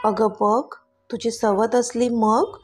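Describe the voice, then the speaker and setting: Slow coaxing teasing young husband in a storybook story, woman doing him, soft music behind. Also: fairly high pitch, level tone, husky.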